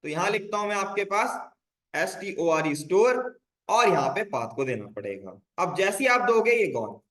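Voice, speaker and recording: A man's voice: high voice, big pitch swings, normal speed, a bit bright, echoey room, poor audio. A man teaching a live online coding class in a casual, conversational way, often checking whether students are following. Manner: casual Hindi-English teaching, frequent check-ins with "bhai". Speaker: coding instructor.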